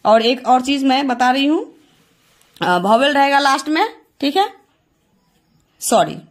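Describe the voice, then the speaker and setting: A woman's voice: high voice, animated. A woman teaching English grammar, repeating each rule as a question and answering it herself. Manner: repeats key points as questions to students; slow and deliberate, drawing out rule statements. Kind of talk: classroom lesson explaining verb forms.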